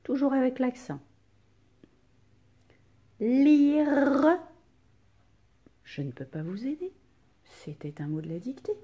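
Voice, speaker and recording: A woman's voice: fairly low pitch, breathy edge. A woman teacher giving a dictation to young children, spelling out letters and sounds and stressing each syllable.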